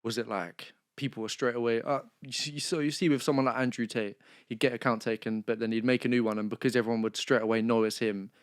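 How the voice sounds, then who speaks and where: A man's voice: medium pitch, fairly even intonation, fast, clean tone, no room sound, clean studio sound. A young man hosting a podcast, chatty and asking long, rambling questions. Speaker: podcast host. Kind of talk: casual interview.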